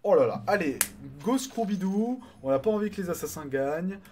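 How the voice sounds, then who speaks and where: Excitable French-speaking male game caster. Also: high voice, fairly quick, slight background noise. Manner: excitable, chatty, greets viewers, swears casually. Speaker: tournament caster and streamer. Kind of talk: live game commentary.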